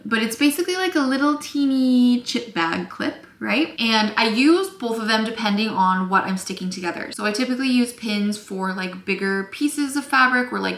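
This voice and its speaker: A young woman sewing instructor talks casually to the camera in an echoey room, chatty and full of fillers, often apologizing. Her voice is medium-pitched and fairly bright, with a slight scratchiness.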